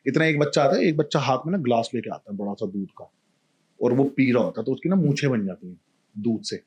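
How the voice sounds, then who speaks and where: A male storyteller in a casual podcast, narrating a folk tale with lively animation and slipping into each character's voice. His pitch sits right in the middle for a man, and his talk stays loose and conversational. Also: fast talker, husky. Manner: animated, acts out every character.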